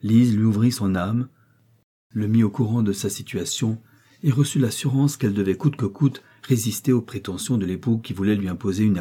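Male audiobook narrator, measured delivery, dark husky tone. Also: lowish voice. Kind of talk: scripted novel narration.

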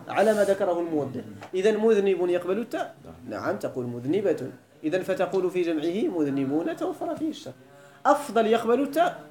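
With a warm tone and a high voice, a Moroccan Arabic teacher delivers a grammar lecture in an echoey hall. He often stops to quiz the students with repeated questions so he knows they follow.

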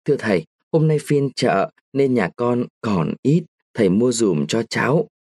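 A frightened young village woman, as a male storyteller puts her on, timid and pleading, going shrill when scared, voiced high in a dry close recording with no room sound at all. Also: sing-song, a little slow, a little mellow, breathy edge, dry recording, exaggerated voice.

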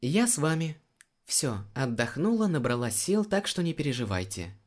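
A male audiobook reader voicing a cheerful, lively young woman healer. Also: on the high side, normal speed, voice pushed up. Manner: bright, lively, reassuring.

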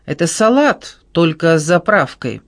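A snooty, contemptuous waiter drags out his words with disdain, as a male audiobook narrator plays him. His pitch lifts when he sneers. The sound is close and dry. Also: steady tone, dry recording, natural voice. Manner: disdainful, drawn-out.

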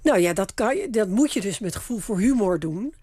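A woman's voice: medium pitch, expressive, a little fast, warm tone, no room sound. Woman analysing political strategy, dry studio. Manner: analytical, explains strategy step by step. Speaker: political commentator and communication adviser. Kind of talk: radio panel discussion. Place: radio studio.

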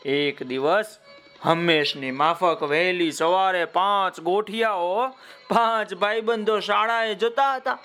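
A man storyteller with a high, bright voice tells a children's tale slowly and affectionately, calling out to the little ones. Faint music plays behind him. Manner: warm, affectionate, addressing children directly.

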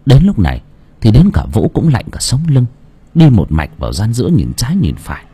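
A man, narrating a story in a dramatic, expressive way. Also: medium pitch, a little fast, husky. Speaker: audiobook narrator.

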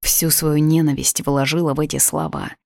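A woman narrates an audiobook in the first person, steady and measured. Her voice sits low. The recording is dry and close, with no room sound. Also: creaky, dry recording.

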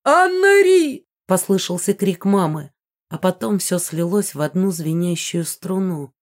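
Low-voiced woman narrating a fantasy audiobook. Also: steady tone, normal speed, warm tone. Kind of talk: first-person fantasy novel narration.

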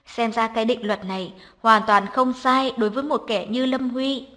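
A woman reading the lines of a decisive, strong-willed young woman who speaks gently when comforting a child. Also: fairly high pitch, fairly even intonation, normal speed. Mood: steady.

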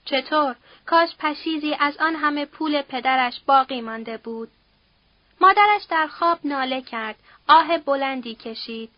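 A woman reading a novel aloud as an audiobook narrator in a steady, somber storytelling manner. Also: sits high, no echo, dull audio. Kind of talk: scripted narration.

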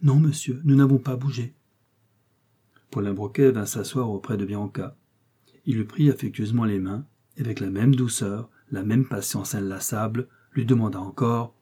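A man narrating an audiobook in a steady, even reading. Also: fairly low pitch, normal speed, breathy edge.

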